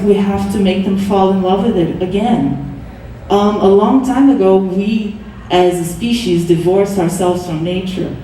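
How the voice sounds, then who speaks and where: A woman's voice: mid-range voice, warm tone, slight background noise. A young adult woman from Brazil, a Portuguese speaker, earnestly explaining her art on a panel, with some restarts. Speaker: artist on a panel. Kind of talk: panel talk. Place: gallery event space. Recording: echoey room, distant mic.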